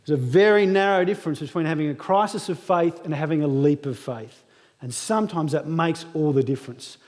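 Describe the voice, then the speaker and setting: A man in his thirties addresses graduates as a guest speaker, mixing motivation with jokes about himself. His slightly high, somewhat mellow voice moves fairly quickly, and the large hall adds an echoey reverb.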